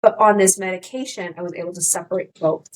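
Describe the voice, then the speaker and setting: A middle-aged woman co-hosting a podcast, talking candidly in casual chat, rambling with many restarts and animated quotes of her own thoughts. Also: fairly low pitch, fast talker, rough recording. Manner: rambling, restarts often, animated quoting of herself. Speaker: podcast co-host.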